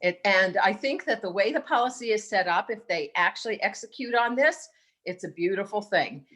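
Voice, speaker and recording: A woman giving thoughtful, halting remarks on a video call, often restarting her sentences. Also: mid-range voice, expressive, a bit bright. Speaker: meeting participant on a science policy team. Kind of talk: online meeting remarks.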